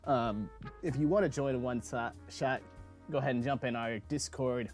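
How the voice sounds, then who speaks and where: A man's voice: mid-range voice, normal speed, a little mellow, soft background music. A man hosting a live-streamed tabletop game show, chatting casually and reading sponsor spots in a loose, rambling way with lots of fillers. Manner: loose, rambling, with many fillers and self-corrections. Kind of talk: casual chat and sponsor reads.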